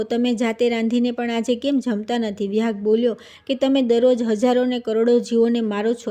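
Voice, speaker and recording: A woman with a fairly high, mellow voice reads devotional scripture aloud. Her delivery is a steady recitation, and she stumbles briefly on a word now and then. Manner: steady recitation with small slips. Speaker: scripture reader.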